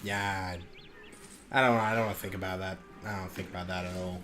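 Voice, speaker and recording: A man's voice: low voice, level tone, brisk, music in the background. A young man giving casual commentary over a card game he is playing at home, chatty and self-deprecating, with plenty of ums and restarts. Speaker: gaming channel host. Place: home room. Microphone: desk microphone.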